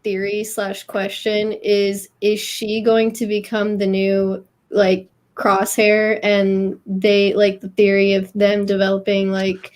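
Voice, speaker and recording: A woman's voice: medium pitch, monotone, takes it slowly, few pauses, a little mellow. A woman panelist on a live fan podcast, chatting casually and filling her talk with "like" and "you know".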